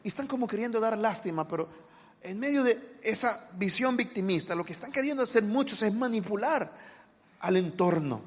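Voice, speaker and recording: A man's voice: high-pitched, lively intonation, fairly quick. A male pastor preaching a dramatic, emphatic sermon in a church hall.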